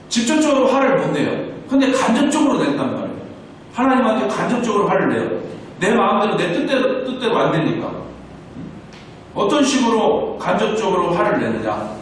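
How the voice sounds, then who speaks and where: Echoey preaching man, high and lively. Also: a little fast, slight background noise. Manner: rhetorical questions answered himself, preaching steadily. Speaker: pastor. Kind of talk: sermon. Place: church sanctuary. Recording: echoey church hall, mic far off.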